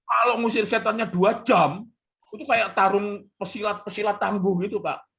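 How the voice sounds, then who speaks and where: Male pastor, animated storyteller, conversational teaching. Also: sits high, normal speed, vocal fry, slightly rough. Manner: animated storytelling, acts out quoted voices.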